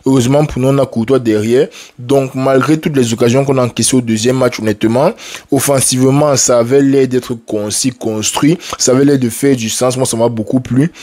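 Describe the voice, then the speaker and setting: A man's voice: mid-range voice, fairly even intonation, brisk, dark tone. A man who is a little sick, giving a casual spoken debrief of a football match as a video host, talking loosely and restarting his sentences. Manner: conversational, drops English words like "like", frequent restarts.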